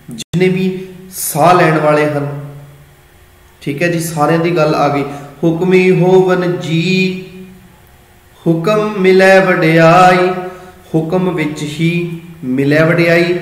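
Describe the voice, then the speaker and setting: Man teaching scripture in an echoey hall. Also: fairly high pitch. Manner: patient, repeats words slowly and chants verse lines. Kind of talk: explaining scripture meaning and pronunciation.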